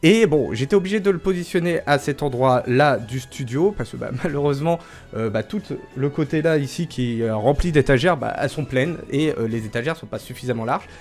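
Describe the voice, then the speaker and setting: A man's voice: mid-range voice, a little fast, soft background music. A young man chatting casually in a vlog from his home studio, full of fillers and self-mocking laughs. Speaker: YouTuber showing his Christmas gifts.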